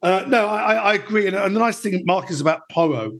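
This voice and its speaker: A man's voice: sits high, fast talker, a bit bright. Man hosting casual football chat. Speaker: podcast host.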